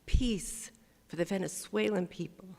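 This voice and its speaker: A woman's voice: medium pitch, measured pace, vocal fry, warm tone, long reverb tail. A woman pastor giving a sermon, speaking emphatically and leading the congregation in call-and-response. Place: church sanctuary.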